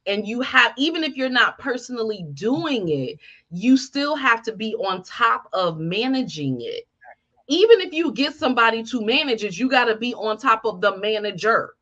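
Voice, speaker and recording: Woman podcast host, bright, emphatic, slightly dull lo-fi sound. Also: on the high side, moderate pace. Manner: animated, chatty, emphatic. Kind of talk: casual reaction podcast chat.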